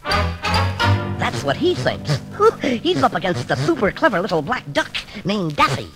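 A man's voice: huge pitch swings, measured pace, heavily acted. A man playing a scheming cartoon duck who runs a cheap hotel, in a vintage cartoon radio performance with sly, wildly leaping delivery. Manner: wild pitch leaps, sly and scheming. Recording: old archive clip under loud music.

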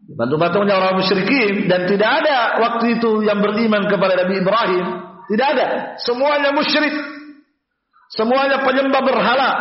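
A man giving a mosque study lecture, telling a story with lively voiced-out parts and Arabic recitation. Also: high voice. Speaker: religious teacher. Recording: echoey muffled mosque recording.

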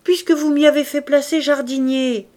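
A woman's voice: on the high side, unhurried. Fauchelevent, a woman playing an eager old gardener. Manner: lively, raised and loud, exclaiming. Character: spry old male gardener, eager and devoted.

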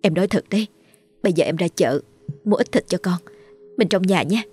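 A woman's voice: on the low side, brisk, husky, faint music behind. A woman doing a tender village mother. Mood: eager. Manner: soft, coaxing.

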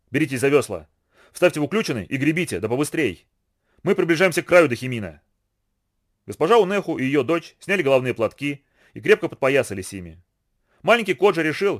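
A man narrating an adventure storybook as an animated, dramatic audiobook reading. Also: medium pitch. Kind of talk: scripted narration.

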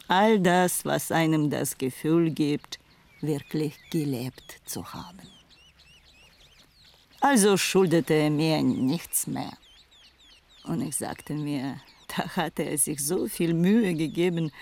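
A worldly woman in a radio drama who talks slowly and softly, often sinking into a whisper. Her voice has a gravelly grain. She sounds wistful as she looks back. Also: deep voice, full character voice. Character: worldly woman recalling a lost lover. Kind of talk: radio play acting.

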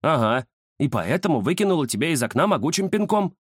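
A man voicing a chatty, boastful male house cat who talks fast and fussily in an audiobook. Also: on the high side, slightly rough, dry recording, studio quality, pitched above the performer's own voice. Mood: teasing. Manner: excitable, fussy, know-it-all. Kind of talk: audiobook character voice.

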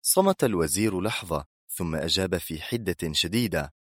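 A man's voice: deep voice, moderate pace, slightly rough, no room sound, studio quality. A man reading a thriller aloud in scripted, dramatic narration. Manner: dramatic, expressive storytelling.

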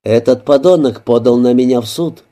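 A man's voice: medium pitch, normal speed, mellow, close to an everyday voice. A man reading an audiobook, giving voice to an angry, shaken male surgeon who speaks in clipped, seething bursts. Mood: shocked.

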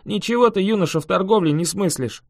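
A reader voicing a chatty, boastful male dragon who huffs and protests loudly in an audiobook. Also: medium pitch, quick pace, creaky, dry recording, studio quality. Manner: indignant, emphatic, loud. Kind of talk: audiobook character voice.

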